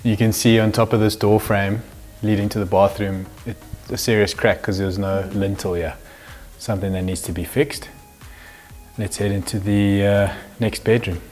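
With a lowish, level, slightly mellow voice at a moderate pace, a man gives a relaxed tour of a vacant old house for his house-flipping show. He laughs softly while pointing out features, amid echoing empty rooms and light music.

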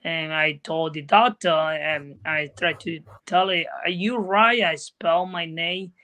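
This middle-aged guest jockey from Venezuela speaks slowly in a fairly high, steady voice that is bright and forceful. Calling into a video call on his laptop from a room indoors, he uses earnest, plain non-native English shaped by his native Spanish and Venezuelan accent.

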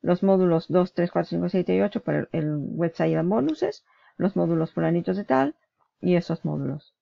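A woman's voice: lowish voice, creaky, no echo, muffled recording. A woman walking through her computer screen in a casual, chatty way, often checking in with her viewer and correcting herself mid-word. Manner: chatty, self-correcting, asks ¿vale? often. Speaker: online business vlogger. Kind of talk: casual screen-share walkthrough.

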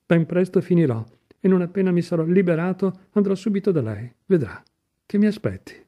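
Storybook part: a man doing a feverish young man, pleading in high, dark-toned outbursts. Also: animated, a little fast. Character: young man, impassioned, excitable, desperate.

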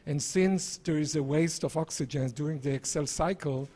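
A man in his sixties giving a live project presentation on a handheld microphone, speaking haltingly in broken-up phrases. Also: a little high, dark tone. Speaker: presenter, visiting scientist and entrepreneur. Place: small indoor presentation room. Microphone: handheld microphone, held at varying distance.

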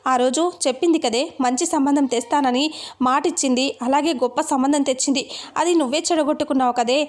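Angry middle-aged mother, scolds harshly, read by a woman recapping a serial; high voice. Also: a little fast, lightly acted. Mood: scolding angry.

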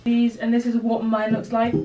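A woman's voice: on the high side, monotone, normal speed, warm tone, roomy sound. A woman vlogging a food challenge with her siblings, chatting casually in a giggly, teasing way. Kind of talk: casual chat. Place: indoors at a table. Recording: distant camera mic with background music.

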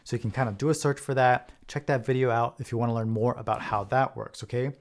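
Man in his thirties, accountant, direct-to-camera explainer, measured delivery, small office. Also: medium pitch, fairly even intonation. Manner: measured, checks in with frequent "okay?". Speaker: accountant explaining tax rules. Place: small home office, indoors.

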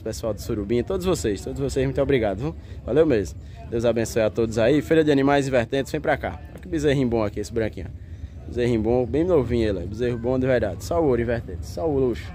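Holding his phone behind the camera outdoors at a livestock fair, a man with a Pernambuco accent from Northeastern Brazil greets viewers and keeps up a casual, folksy patter, repeating phrases. His voice is medium-pitched and darkish, with a little hiss or hum in the audio.

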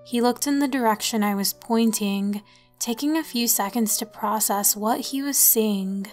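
A woman narrating a horror story in the first person, with a soft, calm delivery. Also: on the high side, normal speed, soft background music.

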